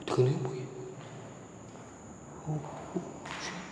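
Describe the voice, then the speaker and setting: Jittery cursing man in echoey halls. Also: slow pace. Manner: jittery, swears constantly, repeats words, drops to a hush. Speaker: vlogger exploring an abandoned hospital. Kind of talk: nervous exploration commentary. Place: empty hospital corridors indoors. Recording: echoey hall reverb, faint noise.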